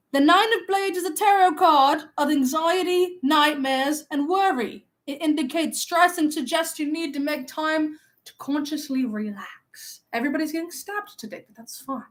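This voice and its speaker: Vain young male wizard played by a woman, high voice, playful, teasing, mock-offended, live-stream role-play host. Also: fairly bright tone. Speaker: livestream host.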